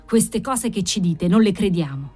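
A woman's voice: mid-range voice, lively intonation, normal speed, a little mellow, breathy edge, faint music behind. A woman doing an icy sarcastic marquis, clipped and hard, audiobook. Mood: cold. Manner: cold, hard, mocking politeness. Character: cold, ironic, furious middle-aged marquis.

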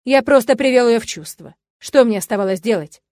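Woman playing a rich bully of a father, contemptuous, shouting insults, storybook reading, dry close sound. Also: a little high, quick pace, no room sound, lightly acted. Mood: raging.

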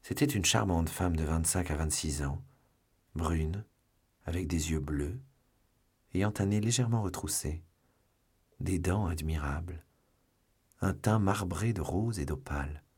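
A man narrating a classic novel as an audiobook, in an expressive storytelling manner. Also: low-pitched, measured pace, long pauses, husky.

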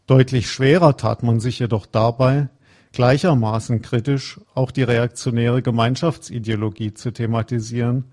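A man giving a conference lecture, reading a prepared script in a measured, formal way. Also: mid-range voice, fairly even intonation, a little mellow. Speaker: conference speaker.

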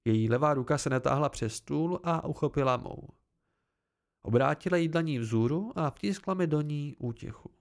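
A man reading an amateur audiobook aloud, telling the story in the first person at a calm, measured pace. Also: fairly high pitch, gravelly. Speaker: audiobook reader.

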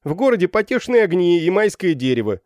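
Man playing a cocky young student, high, loud and jeering; dry studio sound. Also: sing-song, a little fast, dry recording. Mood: mocking. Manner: jeering, rowdy. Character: brash mischievous young male student.

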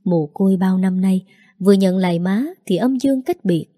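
A woman narrating a sad family story in a gentle, steady way. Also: medium pitch, moderate pace, no room sound, studio quality. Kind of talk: scripted narration.

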